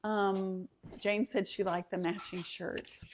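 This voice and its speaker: A woman's voice: medium pitch, level tone, takes it slowly, a little hiss or hum. A woman, chatting casually at home on a livestream and reading viewer comments aloud with many ums. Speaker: host of a home and kitchen channel.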